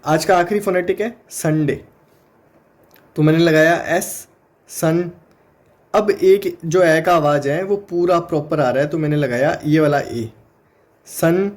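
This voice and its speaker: Indian man, exam-prep tutor, higher-pitched voice, patient step-by-step explainer. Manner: explains step by step, sounds words out slowly. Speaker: teacher.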